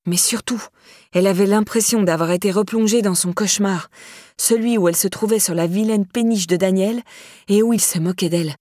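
A woman reads an audiobook as scripted narration in a steady, measured way. Her voice is mid-range, and the recording is dry and studio-clean.

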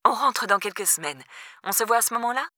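A woman's voice: fairly high pitch, expressive, quick pace, pushed and bright, no room sound, clean studio sound, pitched above the performer's own voice. A woman doing a flippant, airy mother. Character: careless mother abroad, flippant and distant.

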